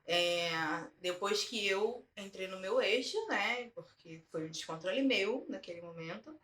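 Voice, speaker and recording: A woman, a therapist and mother, calmly explaining as a guest in a casual conversation. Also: mid-range voice, measured pace, slight background noise. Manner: calm, explanatory, laughs at anecdotes. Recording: echoey room, distant mic.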